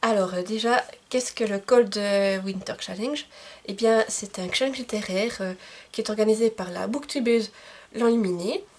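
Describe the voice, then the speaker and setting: A woman's voice: medium pitch, normal speed, slightly rough. A woman book vlogger chatting casually to camera about book recommendations, with many fillers and restarts. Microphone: camcorder.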